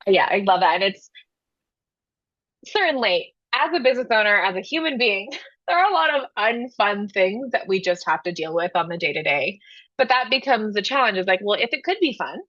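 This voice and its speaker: A woman's voice: medium pitch, sing-song, brisk, fairly bright tone, no echo, muffled recording. A young adult woman and business owner, a podcast guest speaking candidly and reflectively, thinking aloud in quoted inner monologue. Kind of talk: casual podcast conversation.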